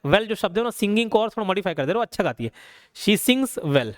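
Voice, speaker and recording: A male teacher giving a casual, conversational grammar lesson. He keeps asking rhetorical questions and slows down to spell out each example. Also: high voice, big pitch swings, no echo, studio quality. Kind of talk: casual classroom explanation.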